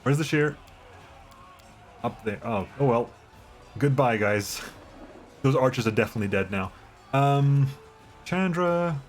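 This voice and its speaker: A man's voice: mid-range voice, lively intonation, unhurried, long pauses. A man giving casual, conversational commentary as he plays a video game.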